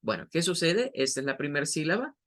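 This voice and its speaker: A man teaching English pronunciation in a patient, explanatory way, slowly modeling each word. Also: a little high, very animated, fairly bright tone. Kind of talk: online pronunciation lesson.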